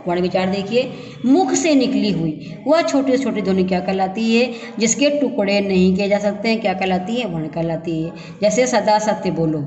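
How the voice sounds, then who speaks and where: A woman teaching a grammar lesson, asking questions and answering them herself, sounding out syllables slowly. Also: medium pitch, a little mellow. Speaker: school teacher. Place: classroom or room at a school. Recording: dull echoey room recording.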